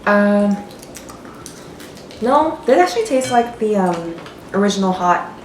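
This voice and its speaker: A woman tasting fried chicken and chatting casually, unhurried and quick to laugh. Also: medium pitch, lively intonation, a little mellow. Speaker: guest tasting the food. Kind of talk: casual eating vlog chat. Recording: echoey kitchen with faint background noise.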